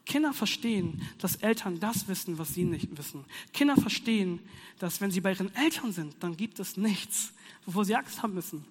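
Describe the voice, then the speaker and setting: A young man delivers a laid-back sermon in youth slang, animated, joking with his listeners. His voice sits high for a man. The sound rings with a long hall reverb. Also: normal speed, husky. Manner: slangy, animated, playful asides. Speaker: youth preacher. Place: hall with audience.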